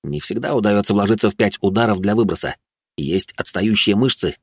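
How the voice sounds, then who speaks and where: A man's voice: on the low side, brisk, darkish tone, slightly rough, no room sound. A man narrating an audiobook in the first person with dry, sardonic storytelling.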